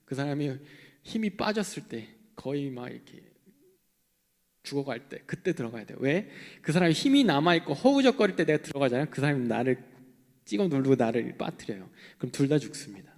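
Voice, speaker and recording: A young man preaching a sermon in an animated way, swinging between loud outbursts and hushed asides. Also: mid-range voice, a little fast. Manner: animated, acting out quoted voices, shifting between loud and hushed. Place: church hall. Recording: long hall reverb.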